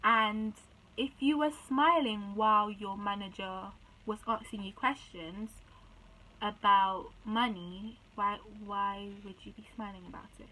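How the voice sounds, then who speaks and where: A woman's voice: medium pitch, a little slow, pushed and bright, low-quality recording. A young woman telling a story to camera in indignant, chatty vlog talk, often restarting her sentences. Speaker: vlogger. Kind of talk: casual storytime chat.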